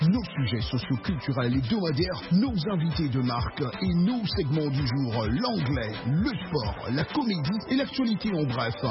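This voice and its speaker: Man playing a jokey airline captain. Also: fairly high pitch. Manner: lively, playful, stretches words for effect. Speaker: radio show host. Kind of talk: radio promo. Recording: dull radio sound over loud music.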